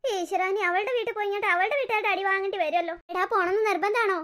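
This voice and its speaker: Voice actor doing cartoon sidekick guy, nervous and coaxing, dry humor, very high voice. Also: rapid-fire, pushed and bright. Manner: coaxing, worried, dryly sarcastic. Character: nervous sensible young male friend.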